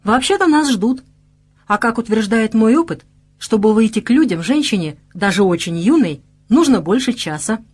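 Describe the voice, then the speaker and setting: A woman's voice: fairly high pitch, animated, moderate pace, breathy edge. A woman voicing a wry, easygoing young former officer in an audiobook. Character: wry young ex-officer groom, calm and joking.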